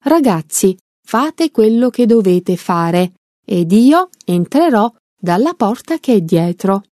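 A woman's voice: medium pitch, big pitch swings, slow, mellow, dry recording, studio quality. A woman voicing a confident male police sergeant in a read-aloud story.

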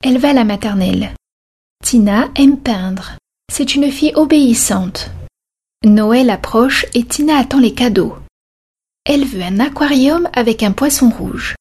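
Breathy woman reading a story slowly. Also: a little high, a little mellow. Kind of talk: scripted story narration.

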